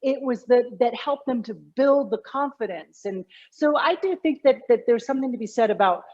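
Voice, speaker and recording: A woman's voice: a little high, moderate pace, a little mellow, highs cut off. A woman communication coach explaining points as a podcast guest, in an emphatic, teacherly way.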